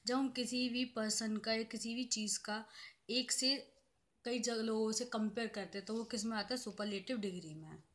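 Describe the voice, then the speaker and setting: A woman's voice: a little high, a bit bright. Woman lecturing, repeating examples. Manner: explains step by step, repeating each example slowly; mixes English terms into Hindi explanation. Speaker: professor. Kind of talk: grammar lecture.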